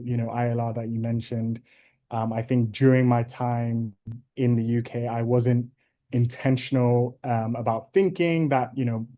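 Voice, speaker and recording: Interviewed over a video call, a young guest from Ghana replies thoughtfully and deliberately, often saying "um." He has a warm tone and a medium pitch.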